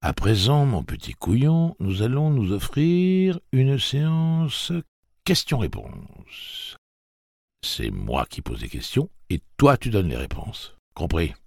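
A man's voice: extremely low pitch, big pitch swings, takes it slowly, vocal fry, pauses often, a bit bright, husky, no room sound, clean studio sound, exaggerated voice. A man reading an audiobook, voicing a sadistic male gang boss who sneers and makes mocking threats. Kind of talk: audiobook character voice.

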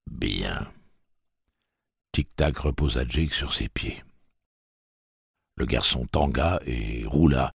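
A man narrating an audiobook with measured, expressive storytelling. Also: rumbling low, husky, dry recording, clean studio sound.

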